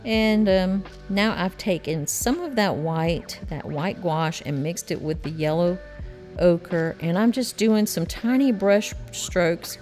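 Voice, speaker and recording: A woman's voice: on the low side, animated, slow pace, a little mellow, faint music behind. A middle-aged woman with a Southern accent, chatting through a watercolor painting tutorial in a folksy, encouraging way. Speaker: watercolor art teacher.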